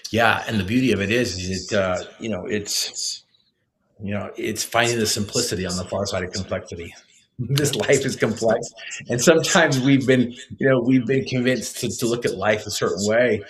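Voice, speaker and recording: A man's voice: fairly low pitch, moderate pace, slight background noise, rough recording. A man speaking earnestly as a motivational speaker in an interview, with many fillers and restarts. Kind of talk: casual interview talk.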